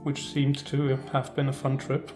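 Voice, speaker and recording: A man's voice: medium pitch, completely flat delivery, normal speed, over music. Chatty, teasing male podcast co-host. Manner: chatty and teasing, with restarts and stammers. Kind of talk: casual chat.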